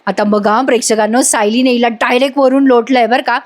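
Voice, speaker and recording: A woman's voice: a little high, steady tone, a little fast. A woman narrating a voice-over recap of a TV serial episode in a chatty way, often speaking straight to the viewers. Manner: chatty, addresses the audience directly.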